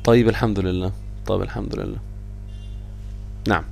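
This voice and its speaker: A man with an Egyptian Arabic accent giving an online Quran recitation lesson, explaining patiently and repeating words slowly for his students. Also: fairly low pitch, fairly even intonation, gravelly, a little mellow, faint music behind.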